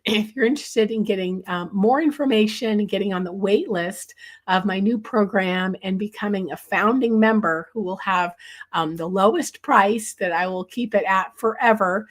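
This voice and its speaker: A hoarse middle-aged woman with a chest cold teaches a live-streamed nature sketching lesson from a room at home. Her mid-range voice rambles along, full of ums and uhs.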